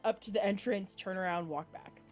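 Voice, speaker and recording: A woman playing a tabletop game who talks politely and eagerly. Her voice is mid-pitched and natural, and she sounds plainly engaged. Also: a little fast, a little mellow, soft background music. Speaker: player.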